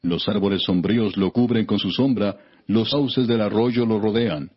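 A man giving a solemn scripted biblical narration in a husky voice, measured and declamatory. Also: fairly low pitch. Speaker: narrator of an audio Bible. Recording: dull, lo-fi audio.

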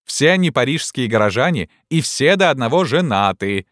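A man's voice: medium pitch, big pitch swings, normal speed, a bit bright, no room sound, studio quality, voice pushed up. A man voicing a cheeky young male student who taunts the crowd in a raised, mocking voice. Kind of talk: audiobook character voice.

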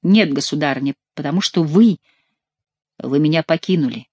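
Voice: mid-range voice, moderate pace, darkish tone, breathy edge, no room sound, dull audio, close to an everyday voice. A reader voicing a proud, wary young prince. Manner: theatrical storybook reading. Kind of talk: audiobook reading.

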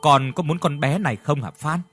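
A man's voice: a little high, normal speed, a bit bright, a little hiss or hum, lightly acted. A man voicing a stern, imperious older mistress of a rich household who talks down to her servants in an audio story. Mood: irritated.

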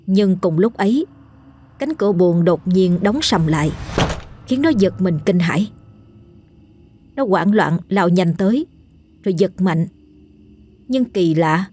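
A woman narrating a scripted ghost story in a steady, measured storytelling manner. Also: mid-range voice, breathy edge.

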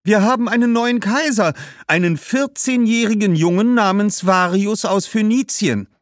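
A man voicing Cassia, an excited Roman woman eagerly spreading news and gossip in a high voice. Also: normal speed, dry recording, studio quality, natural voice.

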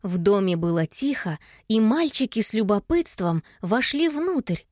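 A woman narrating a children's storybook aloud in an expressive, lively storytelling manner. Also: medium pitch, measured pace, a little hiss or hum. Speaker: audiobook narrator.

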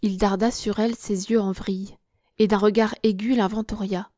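A woman reads a classic novel aloud in a steady, measured way. Her voice is warm and mellow, and the recording is close and completely dry. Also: medium pitch, no room sound. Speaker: audiobook narrator. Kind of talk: scripted narration of a classic novel.

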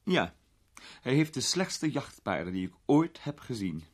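A man voicing a sharp-tongued old duchess and grandmother, gossipy and doting, in a storybook reading. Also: mid-range voice, very animated, unhurried, pitched above the performer's own voice.

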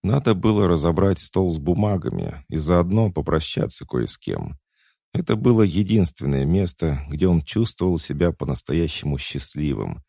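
A man narrating a thriller audiobook in a measured, dramatic reading. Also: low voice, expressive, creaky, dark tone, no room sound, studio quality. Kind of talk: scripted narration.

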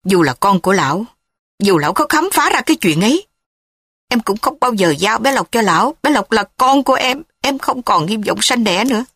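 A woman voicing a furious, defiant young mother who speaks in a sharp, raised, indignant way in an audiobook drama. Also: mid-range voice, very animated, a little fast, long pauses, breathy edge, no echo. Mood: resolute.

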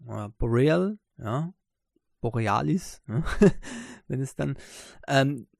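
A man's voice: medium pitch, expressive, slow, creaky, darkish tone, no room sound, studio quality. A man hosting a casual tech news podcast, talking with many hesitant fillers. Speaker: podcast host.

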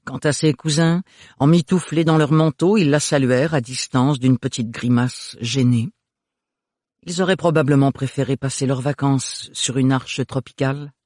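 A man narrating an audiobook in an expressive, animated storytelling way. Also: medium pitch, moderate pace, no echo, studio quality. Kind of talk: scripted narration.

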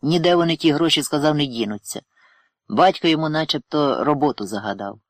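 A man's voice: on the high side, animated, a little fast, dry recording, clean studio sound. A man voicing an earnest, proud young village lad giving solemn testimony in a read story.

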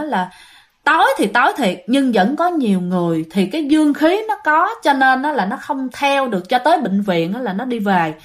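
A woman with a Southern Vietnamese accent telling a ghost story in a chatty way, speaking straight to her listeners. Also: high-pitched. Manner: chatty, addresses listeners directly.

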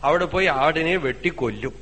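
A man with a Malayali accent gives a religious discourse, asking rhetorical questions, telling stories and slowly chanting Sanskrit verses. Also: on the high side, a bit bright, husky, long reverb tail. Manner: conversational storytelling with rhetorical questions. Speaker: spiritual teacher.

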